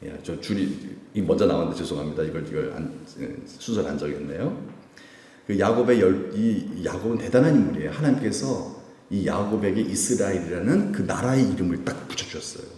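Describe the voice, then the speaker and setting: A man's voice: low voice, brisk, warm tone. A man preaching at a church prayer meeting, asking the congregation questions, answering them himself and laughing often. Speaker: pastor. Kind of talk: sermon at a Friday prayer meeting. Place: church sanctuary. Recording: echoey church hall with long reverb.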